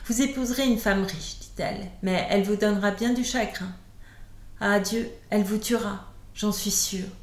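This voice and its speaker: A woman's voice: medium pitch, fairly quick, few pauses, natural voice. A woman reading as a naive young girl. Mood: fearful. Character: naive kind-hearted young girl, gentle and teasing. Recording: roomy echo.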